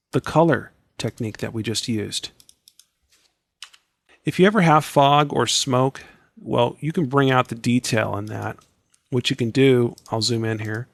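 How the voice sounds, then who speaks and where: A software tutorial instructor walks viewers through an editing program click by click in a relaxed, chatty screen recording. His mid-range voice is creaky, scratchy and worn, as though it's giving out. The recording is close and dry with no room sound.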